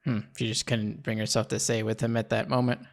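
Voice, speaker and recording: A man's voice: fairly low pitch, little pitch movement, fairly quick, creaky. Sweary guy reacting to an anime film. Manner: informal, sweary. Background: faint music from the film.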